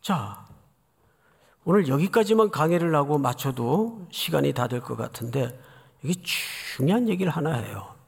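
A man preaching an expository sermon as pastor, dramatic, swinging between loud cries and hushed asides. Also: a little high, lively intonation, moderate pace, gravelly, slightly rough. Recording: long hall reverb.

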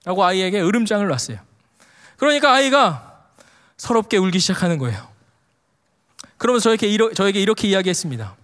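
Preacher, man, high pitched; animated storyteller who acts out quotes; long hall reverb. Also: quick pace, long pauses. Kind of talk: storytelling sermon.

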